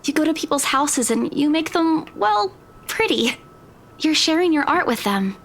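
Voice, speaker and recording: A woman's voice: high-pitched, animated, normal speed, fairly bright tone, pitched above the performer's own voice. A woman voicing a babbling, eager young woman estate agent in a visual novel read aloud. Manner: bubbly and babbling, then defensive.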